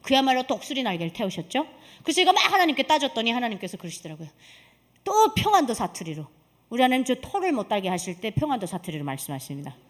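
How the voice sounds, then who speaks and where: A woman gives her testimony at a church service. She speaks with a fairly high voice that swings widely in pitch. She keeps asking the congregation questions and pressing her points home with emphasis. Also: very animated, fast. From North Korea. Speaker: guest giving a testimony in church.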